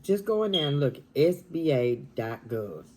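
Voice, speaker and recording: A woman, chatting casually while eating on camera in her dining room, talking softly and half-whispering. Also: deep voice, sing-song, a little slow, slight background noise, rough recording. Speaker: mukbang vlogger.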